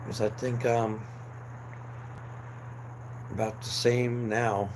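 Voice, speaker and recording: Medium-pitched, level and unhurried, a young man from New Jersey hosts a relaxed live chat. He rambles with fillers and restarts while his voice gives out, and you can clearly hear noise behind him.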